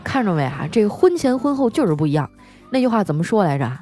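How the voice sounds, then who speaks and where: A woman's voice: medium pitch, big pitch swings, fast talker, mellow, faint music behind. A woman host telling comic family stories in a chatty, teasing way, laughing often. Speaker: radio-style host. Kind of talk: comic storytelling monologue.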